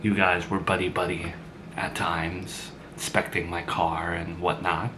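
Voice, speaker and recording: A man's voice: sits low, level tone, measured pace, background noise. A man voicing a blunt, sarcastic grown woman who had a child young, in an amateur drama. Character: blunt sarcastic mother, grown woman, once a teen mom.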